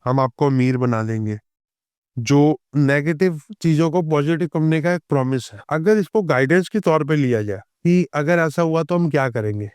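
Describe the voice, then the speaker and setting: A man, a guest on a podcast interview, who reads scripture verses slowly and then explains them in a conversational way. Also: fairly high pitch, a little mellow, clear, resonant tone, no room sound, clean studio sound. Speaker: astrologer guest.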